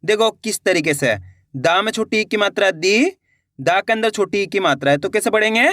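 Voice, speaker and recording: A man with a high voice teaches Hindi reading in an online lesson. He sounds out each syllable slowly and patiently, repeating words and quizzing the listener. The recording is dry and close, with no room sound. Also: lively intonation, bright, forceful tone, no room sound. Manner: patient, repeats words and asks questions back.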